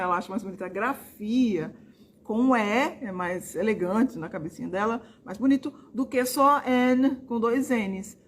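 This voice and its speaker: Woman host, casual and demonstrative, drawing out words slowly, with a little background hiss. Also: medium pitch. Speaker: book channel host teaching English pronunciation. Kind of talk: casual video lesson.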